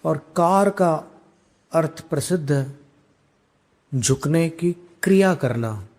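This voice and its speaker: A man, a monk, chanting prayers in a drawn-out way and then explaining scripture in a calm teaching sermon. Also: a little high. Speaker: Jain monk giving a discourse.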